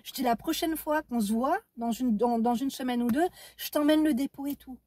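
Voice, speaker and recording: A young woman vlogger telling a personal story to her viewers in a chatty, animated way, with many restarts and asides. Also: high-pitched, moderate pace, no echo, clean studio sound. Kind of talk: casual storytime to camera.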